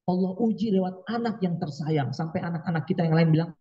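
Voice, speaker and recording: A man's voice: sits high, fast talker, slightly rough, highs cut off. A man giving an Islamic sermon at a study gathering, emphatic, full of rhetorical questions and dramatic quoted outbursts. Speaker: preacher.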